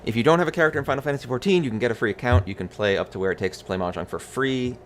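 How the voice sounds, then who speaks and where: A man co-hosting a live mahjong stream, casually analyzing plays and gently advising his partner. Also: mid-range voice, rapid-fire, slight background noise.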